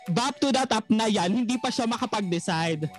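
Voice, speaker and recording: A woman's voice: fairly high pitch, animated, normal speed. A young woman co-hosting a casual podcast, telling stories and ribbing her friends. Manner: storytelling, playful ribbing. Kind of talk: casual chat. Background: loud music.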